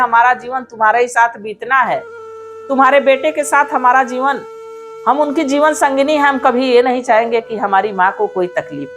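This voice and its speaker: A woman voicing a meek, devoted young daughter-in-law who pleads and prays gently. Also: high-pitched.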